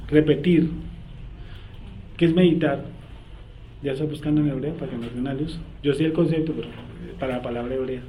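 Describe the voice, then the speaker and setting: A man's voice: mid-range voice, fairly even intonation, a little fast, long pauses, warm tone. A man teaching a Bible study class, asking his students questions and leaving sentences open for them to finish. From Colombia. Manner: quizzing students with fill-in questions. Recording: roomy, faint background noise.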